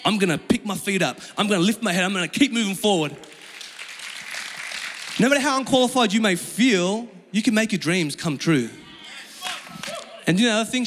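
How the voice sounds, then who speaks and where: A young preacher from Melbourne, whose first language is Chinese and whose accent is Australian, talks in a slangy, conversational style, telling personal stories in his sermon. His high-pitched, slightly bright voice has a touch of background noise and long reverb from a big room with an audience.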